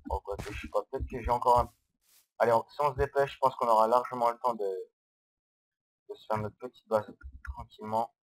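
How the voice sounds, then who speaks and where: A man giving casual, hesitant gameplay commentary, explaining step by step on a low-quality microphone. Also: fairly even intonation, a little fast, pauses often, slight background noise. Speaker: Minecraft let's-player.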